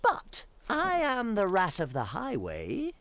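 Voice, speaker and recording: A woman voicing a greedy, boastful highway robber rat in an animated film, swaggering and theatrical. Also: slow, a little hiss or hum, heavily acted.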